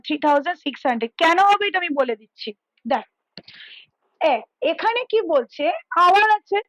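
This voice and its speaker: High-voiced woman tutoring math. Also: no room sound, poor audio. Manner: explains step by step, checks in often. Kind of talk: casual tutoring over a call. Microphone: headphones.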